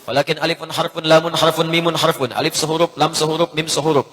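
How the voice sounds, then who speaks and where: A man preaching a lively sermon to a congregation, joking and swinging from low murmurs to loud emphatic lines, now and then chanting Arabic phrases. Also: fast talker. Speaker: ustaz, preacher. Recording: long hall reverb with faint hiss.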